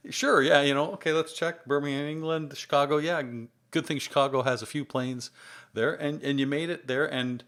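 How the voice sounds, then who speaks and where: A man's voice: fairly high pitch, fairly even intonation, normal speed, a bit bright. Brief: male podcast host, enthusiastic and emphatic, easy chat. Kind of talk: casual interview chat.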